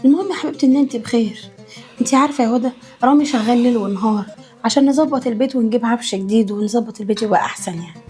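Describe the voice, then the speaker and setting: An actress with an Egyptian accent playing a caring young wife who coaxes and pleads to calm the family. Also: female voice, fairly high pitch, rapid-fire, soft background music, close to an everyday voice. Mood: welcoming. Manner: warm, coaxing, pleading.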